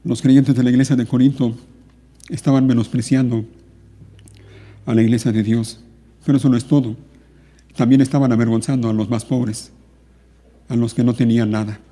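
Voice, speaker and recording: A man preaching a sermon to his congregation, earnest and pleading, moving between hushed and raised passages. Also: medium pitch, fairly even intonation, normal speed, pauses often. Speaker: pastor.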